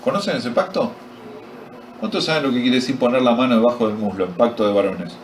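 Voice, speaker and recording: His medium-pitched voice stays brisk as this pastor from Argentina delivers a retreat sermon to men, quizzing them and adding humor along the way. The echoey meeting hall is picked up from afar with a little hiss or hum.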